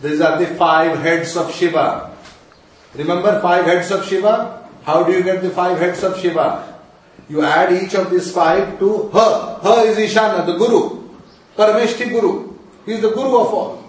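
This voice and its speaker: A man's voice: sits high, steady tone, normal speed. A man with a North Indian accent giving a spiritual lesson in a didactic way, repeating phrases and asking rhetorical questions. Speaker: Vedic astrology and mantra teacher. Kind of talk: spiritual lesson with chanted syllables. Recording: very echoey room, distant mic, faint noise.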